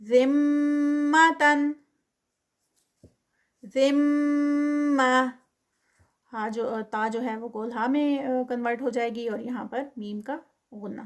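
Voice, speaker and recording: A woman's voice: a little high, steady tone, a little mellow. A woman with a Pakistani Urdu accent teaching Quran recitation, who draws out each example word in recitation and then explains it carefully, mixing in English terms.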